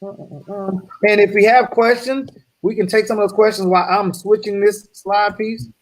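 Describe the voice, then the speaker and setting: A man giving an energetic slide presentation as a guest speaker on a video call, often checking in with his audience. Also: high voice, a little slow. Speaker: guest speaker on wealth building.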